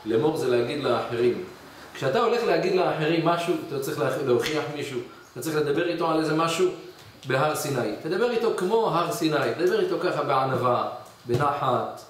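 A male rabbi preaches a sermon to his study hall, acting out parables and jumping into raised, excited voices. His voice is fairly high for a man and reaches the mic from a distance. It rings heavily around the hall, with a faint hiss underneath. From Israel. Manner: storytelling, acts out mountains and scolding spouse in raised voice. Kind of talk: weekly Torah portion sermon with parables.

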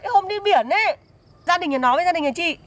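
A woman trades jabs in a comedy skit. Her voice sits high and she talks quickly, teasing and accusing her friend in a gossipy way. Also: lively intonation. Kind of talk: comedic banter.

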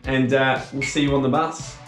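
A man's voice: medium pitch, level tone, moderate pace, fairly bright tone. A young Australian man filming a casual travel vlog with a handheld camera, laughing often. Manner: laughs often, chatty and upbeat. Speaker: travel vlogger. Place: apartment, bus, border checkpoint. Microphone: handheld camera at arm's length. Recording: background music.

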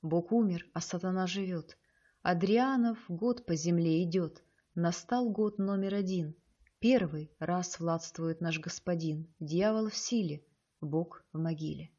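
Woman narrator doing an old cult leader man in an audiobook, solemn and booming, dark mellow voice, kinda dull lo-fi sound. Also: a little slow, husky. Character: elderly male cult leader, solemn and sinister.

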